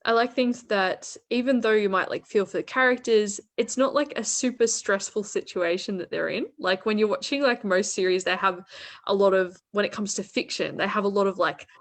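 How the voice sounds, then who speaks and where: A young woman, co-hosting a casual chat about relaxing media, bubbly and quick to laugh. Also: medium pitch. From Australia. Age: young adult. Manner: bubbly, laughs often, says "like" a lot. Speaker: co-host.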